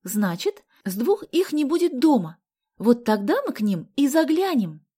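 A woman's voice: on the high side, big pitch swings, unhurried, dark tone, slightly rough, pitched above the performer's own voice, full character voice. A woman reading an audiobook aloud, voicing an eager, whiny teenage girl. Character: excitable teenage girl Sonya, eager and pleading. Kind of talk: audiobook character voice.

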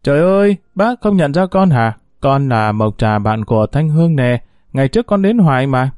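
A man's voice: medium pitch, lively intonation, normal speed, no echo, clean studio sound, close to an everyday voice. A man voicing a scheming, pregnant young woman who pleads and whines in an audiobook story. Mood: pleading. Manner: whiny, pleading, sharp when crossed. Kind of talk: audiobook character voice.

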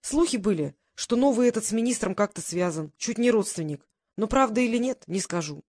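A woman's voice: medium pitch, lively intonation, brisk, darkish tone, no echo, clean studio sound, pitched above the performer's own voice, lightly acted. A woman voicing an anxious, stern older mother who scolds her grown daughter in an audiobook. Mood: worried. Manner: pleading, then stern and scolding.

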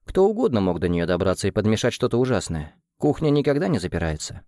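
A genial male leader who stays calm and measured while quietly calculating, as a man puts him on. He is a storybook figure with a brisk, commanding manner. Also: lowish voice, no echo, studio quality.

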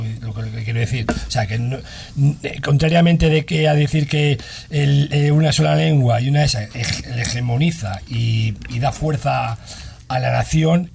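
Male panelist, radio studio; gravelly, explanatory, stumbles over words. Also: medium pitch, darkish tone, slight background noise. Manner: explanatory, repeats words while searching for them.

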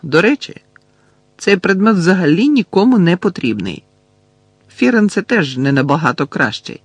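A man's voice: high-pitched, sing-song, normal speed, breathy edge, no echo, voice pushed up, exaggerated voice. A man doing a blunt, grumbling schoolboy. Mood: dismissive. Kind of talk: audiobook character voice.

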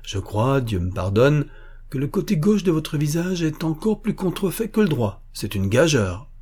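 Sardonic young nobleman prisoner, raised and husky, read by a man. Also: fairly high pitch, very animated, normal speed, darkish tone, pitched above the performer's own voice. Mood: taunting. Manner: sardonic, taunting.

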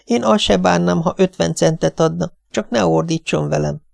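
A man's voice: gravelly, darkish tone, no echo, clean studio sound. A man doing a whiny, tearful wife. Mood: whining. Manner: tearful, pleading, high-pitched whine. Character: whining anxious middle-aged wife. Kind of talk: audiobook character voice.

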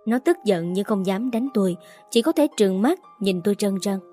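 A woman reading a first-person story aloud in a steady storytelling manner. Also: medium pitch, normal speed. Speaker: narrator. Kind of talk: first-person audiobook narration. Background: faint background music.

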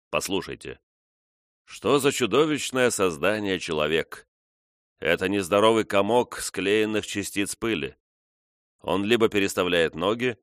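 Musing old colonel, read by a man, low voice, dry sound. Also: fairly bright tone, smooth, no room sound. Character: older male colonel, musing and philosophical.

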